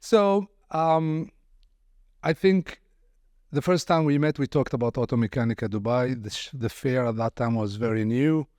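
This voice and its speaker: A man's voice: medium pitch, normal speed, a little mellow, no echo, studio quality. A man hosting a podcast interview, welcoming his guest and asking questions with some hesitant restarts. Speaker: podcast host.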